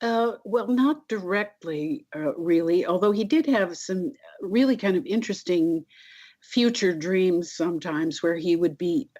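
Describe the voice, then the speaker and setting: A woman being interviewed, telling anecdotes casually in a halting way. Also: lowish voice, warm tone. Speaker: interview guest. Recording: dull, lo-fi sound.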